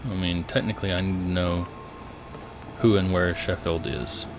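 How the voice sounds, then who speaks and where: Low-voiced man musing over a game. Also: fairly even intonation, moderate pace, background noise. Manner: musing to himself. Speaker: let's play host. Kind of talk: casual game commentary.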